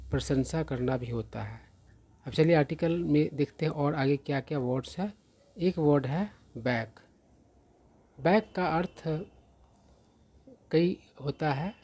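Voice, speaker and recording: Slow, husky-voiced vocabulary teacher. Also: mid-range voice, warm tone. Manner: patient, explanatory, often checks in with "theek hai" and "hai na". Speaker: English teacher. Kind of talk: vocabulary lesson explained in Hindi.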